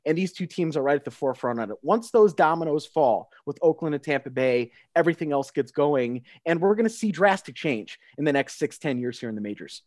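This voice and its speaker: A man's voice: on the high side, lively intonation, brisk, hardly any pauses, darkish tone, dry recording, studio quality. A man co-hosting a sports podcast, talking in an upbeat, enthusiastic way. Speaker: podcast co-host. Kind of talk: casual sports chat.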